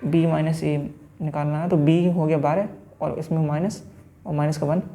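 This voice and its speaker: A man's voice: on the high side, fairly even intonation, normal speed, dark tone. A man teaching an exam-prep math lesson, working through each step aloud and answering his own questions.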